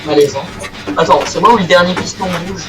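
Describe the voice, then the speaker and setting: A young man giving crude, excitable commentary while he plays a game, swearing often. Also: high-pitched, a little fast, far from the mic, rough recording. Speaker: gaming video creator. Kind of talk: playing commentary. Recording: voice set back from the mic, game music behind.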